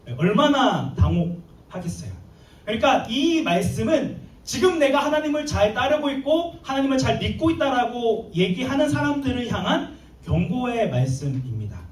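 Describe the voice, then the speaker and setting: A man preaching a sermon to a youth group, talking in a lively way and acting out little scenes with comic asides. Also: very high-pitched, moderate pace. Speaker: youth pastor. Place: church hall. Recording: echoey hall, mic at a distance.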